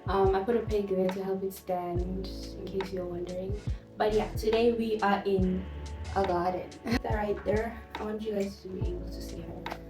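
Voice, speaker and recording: A woman's voice: medium pitch, fairly even intonation, normal speed. Roomy, distant-sounding woman chatting casually. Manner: informal, rambling, slangy. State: tipsy, smoking and drinking. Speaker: music vlogger hosting her own channel. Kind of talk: casual vlog chat to camera. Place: garden with a fan running. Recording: roomy, distant mic, music behind.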